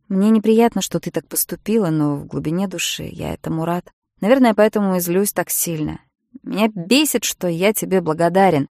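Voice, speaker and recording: A woman's voice: on the low side, fairly quick, vocal fry, a little mellow, dry recording. A woman voicing a proud, stubborn teenage boy in an audiobook, using her own everyday voice. The recording is dry and close. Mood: tense.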